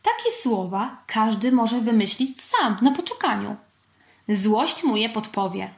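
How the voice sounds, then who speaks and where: A woman voicing a sly, wise old male puppet wizard in a storybook reading, slow and reassuring. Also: a little high, very animated, creaky, echoey room, full character voice.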